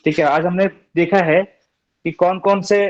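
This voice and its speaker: Young man, online teacher, reassuring and patient, repeats sounds slowly, raised pitch, lo-fi muffled audio. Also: fairly even intonation. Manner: reassuring, repeats syllables slowly, often asks "theek hai?". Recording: dull lo-fi online class audio.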